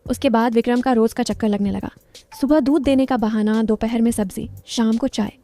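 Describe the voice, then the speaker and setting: A woman narrating a scripted story in a steady, descriptive way. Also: a little high, brisk.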